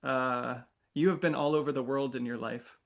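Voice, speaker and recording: A man from the United States hosts a podcast conversation, his voice set at a middle pitch with a gravelly, creaky edge. He asks his questions gently and affirms his guest often. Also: steady tone, moderate pace. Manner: gentle, affirming listener with frequent murmured agreement. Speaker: podcast host. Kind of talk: interview conversation.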